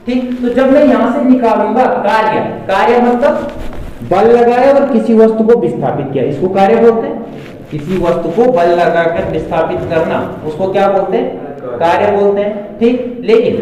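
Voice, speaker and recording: A man's voice: high voice, a little mellow. A man teaching a physics class as a lecture, constantly asking his students questions to check they follow. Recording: echoey classroom from far off.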